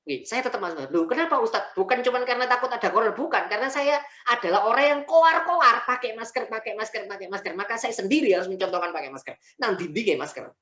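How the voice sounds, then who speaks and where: A man's voice: sits high, expressive, quick pace, bright, forceful tone, echoey room. A man with a Javanese accent giving a humorous online religious lecture from home over a video call, mixing in Javanese words as he tells stories. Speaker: preacher.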